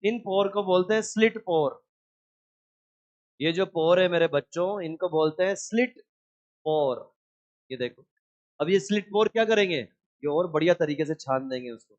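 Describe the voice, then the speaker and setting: A man teaching a biology class in a lively lecture style, often asking questions and answering them himself. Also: high voice, normal speed, long pauses, muffled recording. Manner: scolds inattentive students.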